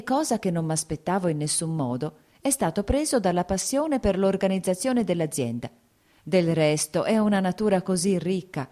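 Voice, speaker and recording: A woman's voice: fairly low pitch, a little mellow, lightly acted. A woman reading aloud, voicing a young noblewoman who is anxious yet blissfully happy, her voice rising with emotion. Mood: fond.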